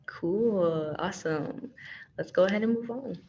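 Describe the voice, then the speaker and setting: An American woman from Texas, who is a workshop trainer and her organization's communications coordinator, leads an online training over a video call in a casual, chatty, playful way. Her voice is medium-pitched, a little slow, warm and slightly rough. The audio is dull and lo-fi.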